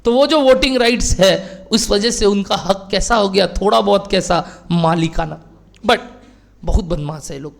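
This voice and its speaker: A man's voice: high-pitched, a little slow, vocal fry. A man teaching a classroom lecture in a playful way, firing questions at the class and answering them himself. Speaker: commerce teacher.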